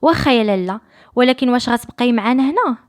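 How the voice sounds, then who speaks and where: A woman with a Moroccan accent voicing a clever disguised seamstress who coaxes gently. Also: on the high side, lively intonation, quick pace, natural voice. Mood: polite.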